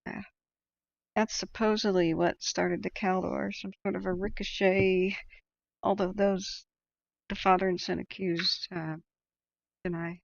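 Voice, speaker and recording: Female American livestream host: off-the-cuff commentary, creaky voice, thinking aloud, slightly dull close recording. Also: mid-range voice, little pitch movement, a little slow, long pauses, no room sound. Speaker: livestream host tracking wildfires. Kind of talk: casual live commentary, reading viewer comments aloud. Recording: dull, muffled close microphone.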